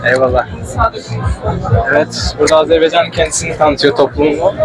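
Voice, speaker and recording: A man who is not a native Turkish speaker, vlogging and interviewing casually, halting as he searches for his sentences. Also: on the high side, fairly even intonation, loud music behind the voice. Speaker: vlogger interviewing student clubs. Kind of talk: casual vlog narration and on-the-spot interviewing. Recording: outdoor crowd chatter. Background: crowd at a student club fair.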